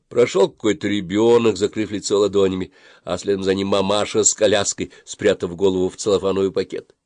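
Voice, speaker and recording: A man reading a story aloud in an expressive, storytelling manner. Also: sits low, no room sound. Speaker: narrator. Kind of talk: audiobook reading.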